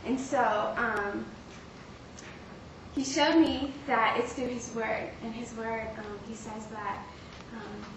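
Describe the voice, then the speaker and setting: A young woman giving a personal faith testimony, speaking earnestly and haltingly with many fillers. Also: on the high side, steady tone. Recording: roomy, distant mic with clear background noise.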